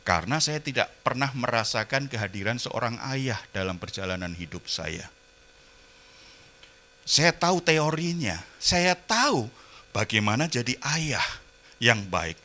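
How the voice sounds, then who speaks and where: A middle-aged male pastor delivers a sermon in a strikingly bright, ringing voice. He talks like a storyteller, climbing to loud emphatic peaks and then dropping into quiet, confiding asides. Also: mid-range voice, big pitch swings, unhurried.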